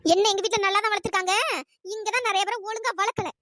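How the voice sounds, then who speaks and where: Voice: very high-pitched, steady tone, very fast, pushed and bright, no room sound, clean studio sound. A performer voicing a defiant young daughter-in-law who answers back with mocking retorts in a cartoon. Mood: sarcastic. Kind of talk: cartoon voice acting.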